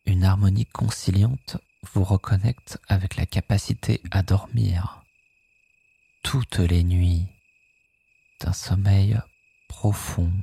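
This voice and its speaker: Sleep hypnosis guide: hushed and soothing, dark mellow tone, slightly husky, extremely unhurried delivery. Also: low-pitched. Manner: soothing, hushed, with phrases echoed softly.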